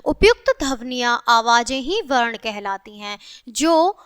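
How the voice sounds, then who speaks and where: A woman's voice: a little high, lively intonation, measured pace, fairly bright tone, clean tone, no echo, clean studio sound. A woman teaching a grammar class to young children, checking "okay?" after nearly every phrase and repeating each point in simpler words. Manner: asks "ठीक है?" after almost every phrase.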